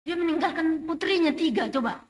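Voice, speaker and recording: A woman's voice: very high-pitched, animated, brisk, rough recording. A middle-aged woman giving an emotional, emphatic testimony in a church service. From Indonesia. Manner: emotional, emphatic, rising and falling loudness. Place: church sanctuary.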